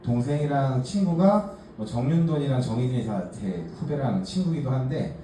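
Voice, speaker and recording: A man's voice: medium pitch, lively intonation, moderate pace, warm tone. A man in his forties from Gangneung, telling his own life story to a group in a chatty, self-mocking way with many fillers. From Gangneung, Gangwon Province, South Korea. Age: 40s. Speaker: case presenter at a workshop. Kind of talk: personal story talk to a group. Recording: echoey room, distant mic, faint hiss.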